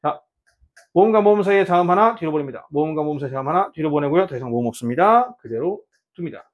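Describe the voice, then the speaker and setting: A man teaching a beginner Spanish lesson in Korean, repeating example words slowly and asking his students questions. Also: a little high, lively intonation, dull audio.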